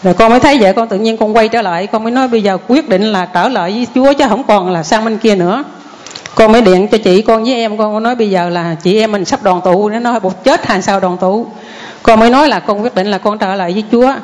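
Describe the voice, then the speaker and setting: A woman's voice: medium pitch, fast, a little mellow. An older woman giving a rambling, earnest spoken testimony to a priest.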